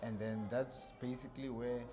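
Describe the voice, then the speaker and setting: A man from South Africa, around his thirties, telling stories as a podcast guest in a relaxed manner with many fillers. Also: medium pitch, moderate pace, noisy background. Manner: relaxed storytelling with frequent fillers. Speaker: podcast guest, long-distance walker. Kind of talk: casual interview chat. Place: podcast studio.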